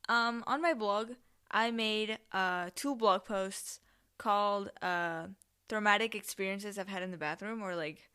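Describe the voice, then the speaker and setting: In a mid-range voice that is sharp, clear and resonant, a young adult woman hosts a podcast, telling casual solo stories. She rambles informally and often corrects herself. She is from Spain and has family in Mexico.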